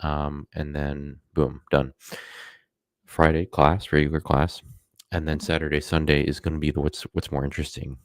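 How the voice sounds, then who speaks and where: Casual streamer, male, rumbling deep voice, loose and rambling, dry close mic. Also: level tone, moderate pace, dry recording. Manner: rambling, many fillers and self-corrections. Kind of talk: casual live-stream talk.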